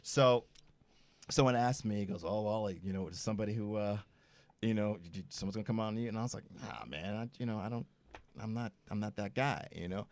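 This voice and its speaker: A man's voice: fairly low pitch, a little fast, darkish tone, no echo. A man co-hosting a casual talk show, telling a candid personal story and acting out the voices in it. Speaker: co-host. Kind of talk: casual chat. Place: studio.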